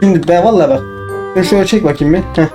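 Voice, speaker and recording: Excitable young man commenting on a game. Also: high-pitched, rapid-fire, over music. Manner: excitable, talks to himself, shouts and sings in bursts. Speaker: gaming channel host.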